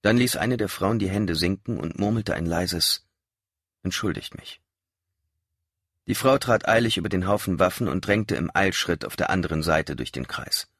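Deep, husky male narrator. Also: lively intonation, moderate pace, hardly any pauses, a bit bright, no room sound, studio quality. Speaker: audiobook narrator. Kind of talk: scripted narration.

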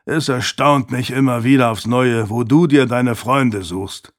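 A man's voice: mid-range voice, a little slow, lightly acted. A man voicing a stern, reproachful older merchant uncle in an audiobook reading. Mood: cold. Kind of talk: audiobook character voice.

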